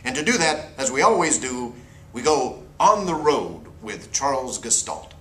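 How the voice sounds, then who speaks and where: A man's voice: medium pitch, very animated, unhurried. A man playing a prim, square 1960s TV news co-anchor, earnest and sanctimonious, in a parody newscast. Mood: formal. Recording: echoey room.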